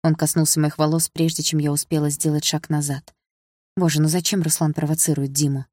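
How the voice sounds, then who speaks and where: A woman reading a first-person audiobook narration in a calm, reflective manner. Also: low voice, brisk, no echo, clean studio sound.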